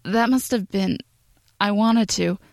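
A woman's voice: medium pitch, takes it slowly, creaky, no room sound. Lady reading a shy stammering soldier guy, awkward, dry recording. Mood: flustered. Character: awkward, stammering young male soldier hero.

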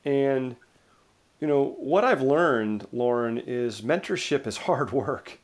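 A middle-aged man being interviewed who talks loosely, with frequent restarts and lively anecdotes. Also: mid-range voice, slow. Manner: rambling, restarts often, lively storytelling. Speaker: interview guest. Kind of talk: casual conversational interview.

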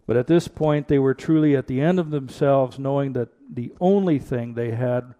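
A pastor preaching an earnest sermon into a pulpit microphone in a church, repeating rhetorical questions for emphasis. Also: male voice, mid-range voice, moderate pace, dark tone. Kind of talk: sermon with prayer and scripture reading.

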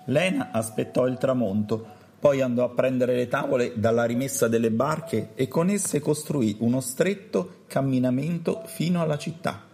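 A man narrating a children's story in a calm, storytelling way. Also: mid-range voice, moderate pace.

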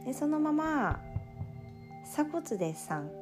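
Soft-spoken woman guiding breathing over prominent music. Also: sits high, big pitch swings, slow pace. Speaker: yoga breathing instructor. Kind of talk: calm guided breathing and relaxation instruction. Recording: prominent music with singing bowl tones. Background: meditation music with singing bowls.

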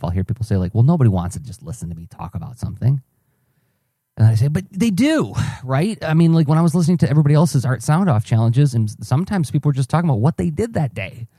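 A man's voice: lowish voice, mellow, no echo, clean studio sound. A man, a cartoonist and podcaster, reflecting aloud in a casual solo journal podcast, musing and questioning himself with many fillers and restarts.

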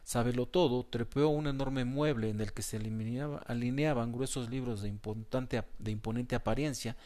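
A man narrating a children's story as an audiobook, in a measured, even storytelling voice. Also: mid-range voice.

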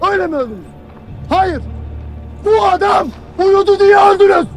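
An actor playing a harsh army commander who barks questions at his soldiers with bitter sarcasm. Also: very high-pitched. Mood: furious. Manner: barking, interrogating, bitterly sarcastic. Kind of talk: film drama acting.

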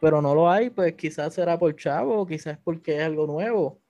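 Slangy Puerto Rican man with a dark voice. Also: a little high, a little fast, lo-fi sound, soft background music. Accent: Puerto Rican Spanish. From Puerto Rico. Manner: slangy, mixes English words in, acts out quotes. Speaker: podcast guest, platform founder. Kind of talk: casual interview chat.

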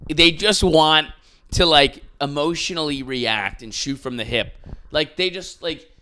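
A man's voice: on the high side, a little slow, pushed and bright. A young man hosting a podcast, ranting casually with profanity and mocking imitations of people he disagrees with. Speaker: podcast host.

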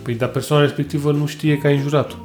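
A man's voice: a little high, steady tone, a little mellow, faint music behind. A Romanian man co-hosting a casual chat, joking, swearing and laughing often. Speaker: podcast co-host.

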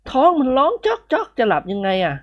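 A whiny, hungry young male prankster, as an audiobook reader puts him on, complaining in a high, pinched voice. His speech climbs well above the narration. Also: wildly swooping pitch, fast, dull audio, exaggerated voice.

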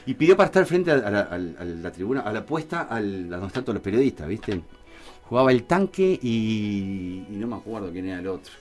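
A man with a Uruguayan Spanish accent recounts anecdotes in an easygoing, chatty way. His pitch swings widely as he acts out other people's lines. There is faint music behind him. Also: brisk. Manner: animated, acts out quotes, many fillers. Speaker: guest telling anecdotes. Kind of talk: casual storytelling.

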